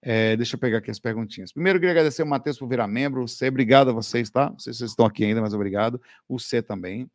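Racing along with hardly a pause, this Brazilian streamer's mid-range voice comes through dry and studio-clean. He chats casually with viewers, answering their questions through lively stories, laughter, and slang such as "cara" and "velho."

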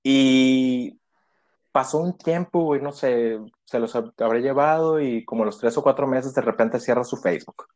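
Young man, Mexican accent, casual chat, laughs a lot, mid pitch. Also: moderate pace. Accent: Mexican Spanish. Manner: laughs often, heavy slang, animated retelling.

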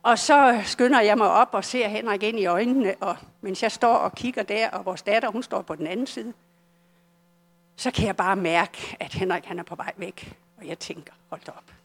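Older danish lady telling her story in church, earnest, stops and restarts a lot, middle-pitched voice. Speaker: church testimony speaker. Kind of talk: personal testimony in a church service.

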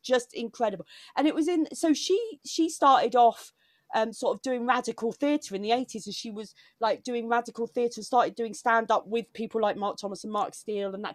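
A woman's voice: mid-range voice, no echo. Candid woman comedian, dry close sound. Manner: emotional, digressive, with restarts. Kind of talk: casual chat.

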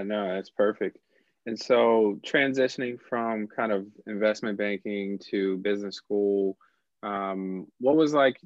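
A man's voice: lowish voice, no echo. A man hosting an interview, asking long, rambling questions full of fillers. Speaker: interview host. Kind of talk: remote interview. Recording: dry, dull lo-fi audio.

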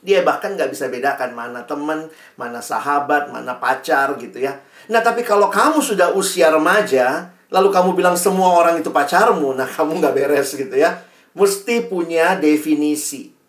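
A man speaking to young people in a sermon, conversational and lively, sometimes acting out teenagers' questions. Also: a little high, normal speed. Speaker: youth speaker. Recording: roomy, distant mic.

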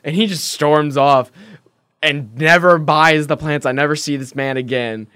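A man in his twenties telling a work story in casual chat, animated and acting out the quotes. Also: on the high side, measured pace, clear, resonant tone, no room sound, studio quality. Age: 20s.

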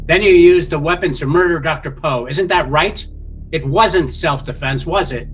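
An actor playing a composed, skeptical asylum doctor questioning a patient in a measured, condescending way, in an audio drama. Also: male voice, fairly high pitch, a little hiss or hum, lightly acted. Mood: accusing.

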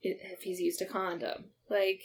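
A woman co-hosting a podcast, animated and amused as she recaps a TV episode, laughing readily. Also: fairly low pitch, normal speed, slight background noise. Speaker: podcast co-host. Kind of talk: casual chat recapping a TV episode.

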